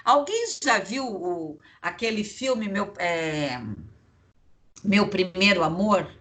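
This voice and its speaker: A woman lecturer talks her students through a psychology class at an unhurried pace. Her voice is bright and forward, and she drifts into chatty asides. She keeps tagging her sentences with quick checks to the class. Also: medium pitch, animated, a little hiss or hum. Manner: chatty, digressive, tag questions.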